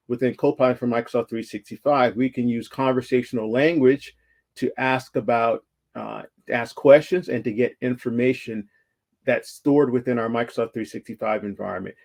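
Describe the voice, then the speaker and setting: A man walks through his slides in a virtual summit talk, speaking casually through a call mic. He often halts to restart sentences and leans on fillers, and his voice is middle-pitched with a creaky, gravelly texture.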